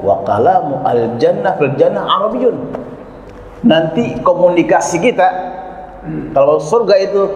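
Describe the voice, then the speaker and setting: Man preaching in an echoey hall. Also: a little high. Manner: lively storytelling with acted quotes and chuckles. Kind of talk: sermon. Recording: echoey hall, dull lo-fi sound, faint noise.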